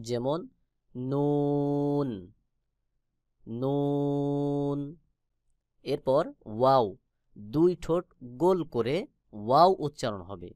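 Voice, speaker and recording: A man teaching Quran recitation, explaining where each Arabic letter is formed and sounding it out slowly several times. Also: medium pitch, a little mellow, no echo, studio quality. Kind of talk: slow instructional explanation.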